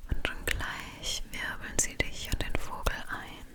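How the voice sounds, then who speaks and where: A woman guides the listener through an imagined dream journey entirely in a whisper. Her delivery is soft and dreamy, with very slow, soothing phrasing in an ASMR style. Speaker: guided relaxation narrator.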